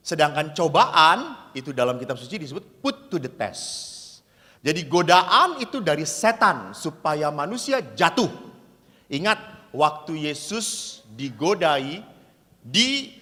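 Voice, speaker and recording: Animated high-voiced priest in a reverberant hall. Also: male voice. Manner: lively storyteller who acts out dialogue. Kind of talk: humorous retreat sermon.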